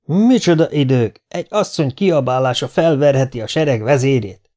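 A man voicing a blustering old-time warlord who talks in a booming, pompous, archaic way. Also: mellow, natural voice. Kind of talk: audiobook character voice.

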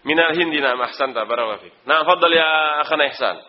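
A man's voice: a little high, quick pace. Indonesian man teaching an Arabic class. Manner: calls on students by name, quizzes them, chuckles. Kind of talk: live online Arabic class. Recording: dull lo-fi recording.

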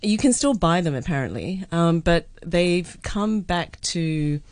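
A chatty woman radio host with a low voice, talking loosely in a studio with lots of "um"s and laughs. The sound is dry and close, with no room echo. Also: expressive, a little slow, darkish tone. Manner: chatty, laughs often, many fillers. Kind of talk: casual studio chat.

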